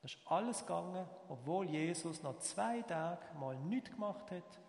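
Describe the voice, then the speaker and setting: A man with a Swiss German accent preaches a sermon in a fairly high voice. He swings from emphatic, louder lines to quiet, drawn-out phrases. The sound rings with the long reverb of a church hall. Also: expressive, vocal fry. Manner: emphatic rises and soft, slow pauses. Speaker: pastor.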